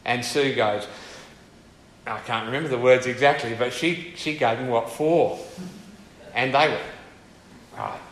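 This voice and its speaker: A man's voice: medium pitch, a little slow, long pauses, fairly bright tone. A man giving an informal sermon in church, reading Bible passages and talking easily with asides to his congregation. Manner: conversational, with many fillers and asides to the congregation. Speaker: preacher. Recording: echoey room.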